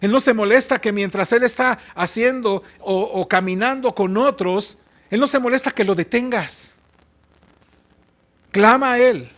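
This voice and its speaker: A man with a Mexican Spanish accent preaching a sermon as pastor, moving between loud exhortation and soft asides. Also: high voice, moderate pace. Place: church.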